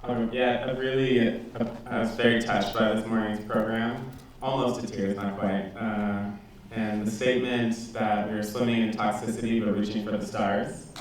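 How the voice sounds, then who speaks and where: A man's voice: lowish voice, level tone, moderate pace, slight background noise. A man in his thirties on a discussion panel, speaking thoughtfully on a handheld mic in a large auditorium. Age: 30s. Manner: thoughtful, appreciative. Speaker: panelist, environmental activist. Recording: echoey hall, from far off.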